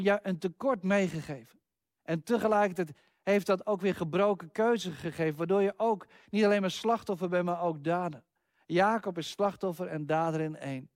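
An earnest male preacher tells the story dramatically, slowing for weight and then hurrying on. His voice is high for a man, recorded close and dry with no room sound. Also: no echo. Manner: earnest storytelling, with slow pauses and sudden rushes. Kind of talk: sermon, dramatic retelling.

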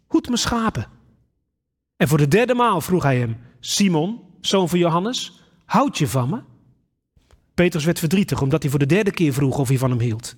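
A man's voice: high voice, husky, long reverb tail. A man preaching a sermon, telling a personal memory and then reading scripture aloud.

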